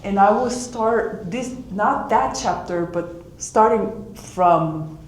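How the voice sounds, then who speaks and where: A woman with a mid-range voice and a Korean accent speaks English slowly during a live author talk. She reflects on personal stories, sometimes voicing her own inner thoughts, and the poor-quality audio is from an echoey room.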